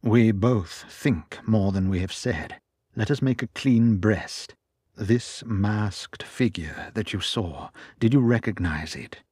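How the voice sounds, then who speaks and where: A man playing a grave, measured lawyer. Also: lowish voice, a little mellow, breathy edge, dry recording, studio quality. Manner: measured, deliberate. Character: grave, reasoning middle-aged male lawyer. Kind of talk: storybook reading.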